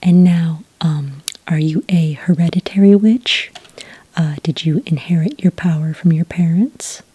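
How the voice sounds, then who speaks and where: In a soft-spoken ASMR roleplay, a woman plays a patient, polite enrollment witch, speaking in an extremely breathy, low, mellow half-whisper. She's gentle and slow, hesitating slightly as she takes down details, while a computer keyboard types in the background.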